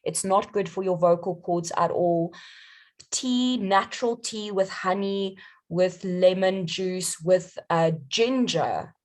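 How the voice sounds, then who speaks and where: Speaking slowly in a low-leaning voice, this South African woman, a voiceover professional, gives down-to-earth tips for looking after the voice. Her tone in the panel chat is conversational, dotted with little laughs.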